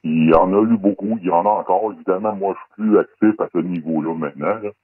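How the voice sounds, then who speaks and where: Man with a disguised, very deep voice. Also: fast talker, no room sound. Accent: Québécois French. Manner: guarded, hesitant, many fillers. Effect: voice electronically disguised, pitched very deep. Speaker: anonymous guest, former undercover federal police agent. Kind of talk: radio talk show interview. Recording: dry, phone-like band-limited sound.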